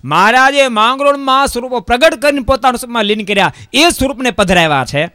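High, bright-voiced preacher man. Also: fast talker, smooth, no room sound, studio quality. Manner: animated storytelling, repeats phrases for emphasis. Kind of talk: religious discourse with parable.

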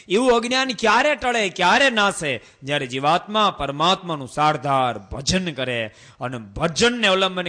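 A man preaching a sermon as a monk, telling folk stories in an animated, exclaiming way and putting rhetorical questions to his listeners. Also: medium pitch.

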